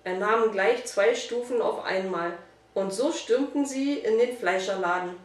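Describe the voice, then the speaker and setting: A woman narrating a children's storybook aloud in a steady, even reading voice. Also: mid-range voice, a little slow. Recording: roomy, distant mic.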